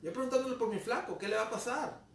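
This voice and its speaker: A male pastor preaching a sermon, posing rhetorical questions and swinging suddenly from soft to loud. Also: very high voice, fast talker, vocal fry. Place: church sanctuary. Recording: echoey church room, mic far off, faint background noise.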